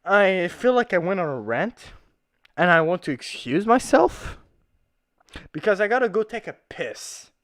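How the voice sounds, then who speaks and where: A drunk livestream host rambling and swearing through casual commentary, getting drunker and prone to excitable shouting. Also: mid-range voice, measured pace.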